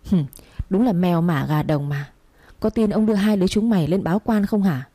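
Narrator playing a stern old patriarch, barks orders, low dark voice. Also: female voice, a little fast, husky, no room sound. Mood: enraged. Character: old domineering husband, enraged patriarch.

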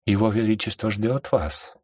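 A man reading an audiobook and voicing a timid young maid who speaks quietly and formally. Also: lowish voice, moderate pace, husky, no room sound, clean studio sound, pitched above the performer's own voice.

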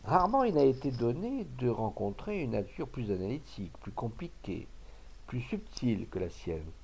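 A man narrating classic literary short stories as an audiobook reader, in a measured, expressive reading. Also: medium pitch, breathy edge.

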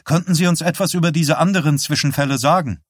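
A man voicing a young female reporter asking brisk questions. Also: fairly high pitch, no echo, studio quality, pitched above the performer's own voice, natural voice.

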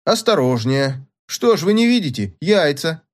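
A fussy, excitable provincial farm manager, fretting over every detail in a high, anxious voice, as a male narrator puts him on. His pitch swings widely as he frets, and the lines come in the manner of a read-aloud storybook. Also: moderate pace.

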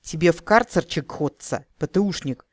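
A man's voice: a little high, normal speed, close to an everyday voice. A man voicing a brash young male pseudo-vampire mage under interrogation, jeering in street slang.

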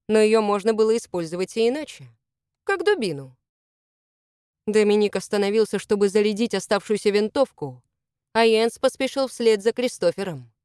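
A woman narrating an adventure novel in a steady, expressive reading style. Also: mid-range voice, clean tone, no echo, studio quality. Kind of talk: audiobook narration.

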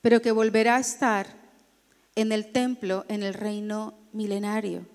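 A woman pastor, teaching a Bible class in a deliberate, emphatic way, pausing often and spelling out names. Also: mid-range voice, little pitch movement, darkish tone. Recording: long hall reverb.

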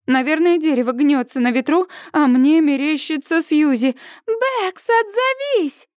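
A woman narrating a first-person audiobook in an expressive, dramatic reading style. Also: sits high, normal speed, dry recording, clean studio sound.

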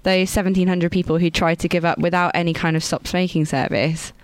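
A woman with a smooth, resonant voice and a mid-range pitch who makes her case earnestly and backs it with figures. The studio sound is dry and close. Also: little pitch movement, a little fast, dry recording. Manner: earnest, reads out statistics. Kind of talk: casual studio debate.

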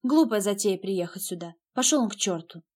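A woman narrating a first-person audiobook in a steady, even reading voice. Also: mid-range voice, fairly quick.

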